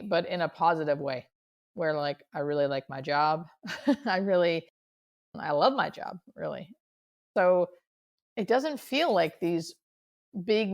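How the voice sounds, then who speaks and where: An earnest woman with a fairly low, noticeably creaky voice, answering as an interview guest. She talks reflectively and conversationally, repeating phrases for emphasis as a hospice nurse explaining her work.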